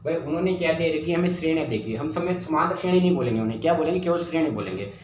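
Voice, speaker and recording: A man's voice: on the high side, animated, rapid-fire, crowd noise. A man teaching a math lesson, repeating steps and asking and answering his own questions. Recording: very echoey room, faint ambient noise.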